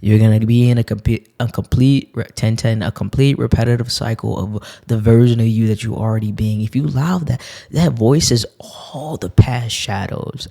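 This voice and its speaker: A man's voice: lowish voice, vocal fry, dark tone. A man giving an earnest spiritual talk while reading cards, repeating phrases for emphasis.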